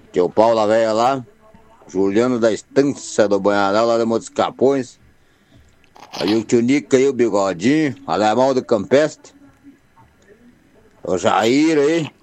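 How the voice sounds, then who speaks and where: A man's voice: medium pitch, a little mellow. Gaúcho man calling in over CB radio. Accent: Rio Grande do Sul Brazilian Portuguese. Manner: radio-operator sign-offs, rattling off greetings to friends. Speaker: caller to a morning radio show.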